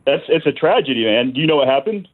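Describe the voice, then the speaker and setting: Fast-talking man calling in over the phone. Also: medium pitch, lively intonation, phone-quality sound. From New York. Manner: brisk, chummy, rattles through a list of points. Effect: over the phone, on speakerphone. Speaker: radio call-in caller.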